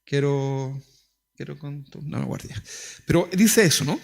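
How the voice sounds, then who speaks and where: A man preaching a sermon in a relaxed, talkative way, his voice sitting high and rough with gravel. He speaks with a Chilean accent and keeps turning to his listeners with questions. He sounds like a pastor leading his church. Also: normal speed. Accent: Chilean Spanish. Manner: conversational preaching with rhetorical questions; acts out quoted prayers.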